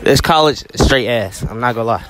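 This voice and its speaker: A man's voice: mid-range voice, brisk. A young man vlogging casually on his phone while walking a snowy college campus, talking in blunt slang and joking complaints. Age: young adult. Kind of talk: casual vlog chat. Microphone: phone held at arm's length. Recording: outdoor phone audio with crowd.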